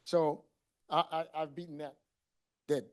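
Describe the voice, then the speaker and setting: A man from Mississippi giving an animated, conversational conference talk as a kidney doctor, acting out what he tells patients. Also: on the high side, a little slow, clear, resonant tone.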